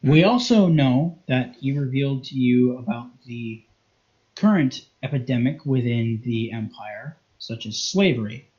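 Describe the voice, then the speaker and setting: A man voicing a cold, dismissive imperial chancellor in a tabletop game, speaking slowly and formally, on a muffled lo-fi recording. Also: mid-range voice, lively intonation, darkish tone, natural voice. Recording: muffled lo-fi audio.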